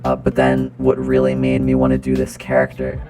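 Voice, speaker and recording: A man's voice: monotone, brisk, over music. Man through a robotic voice changer. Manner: rambling, full of "like" fillers. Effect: robotic voice changer filter, pitched down. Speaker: streamer. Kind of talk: casual demo talk.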